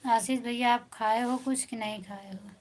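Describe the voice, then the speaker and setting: A woman's voice: a little high, fairly even intonation, moderate pace, a little mellow, slight background noise. A woman with an Awadhi accent chatting casually with viewers of her live stream from home, reading out their comments and repeating greetings. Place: at home indoors.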